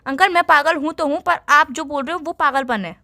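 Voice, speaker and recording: A woman's voice: high voice, brisk, bright, forceful tone. A young woman teasing and lecturing her boyfriend in casual phone banter. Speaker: girlfriend on a phone call.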